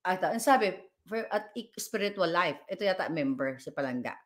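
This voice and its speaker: A woman's voice: on the low side, animated, normal speed. A woman giving emphatic live vlog commentary, speaking directly to her viewers and reading their comments aloud. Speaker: political vlogger.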